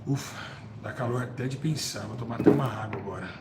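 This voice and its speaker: Fervent preacher in a roomy echo. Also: male voice, fast. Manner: fervent, repeats words and asks listeners for agreement; swings from loud stresses to low murmurs. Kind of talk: live-streamed hellfire sermon. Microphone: live-stream mic. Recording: roomy echo with faint background noise.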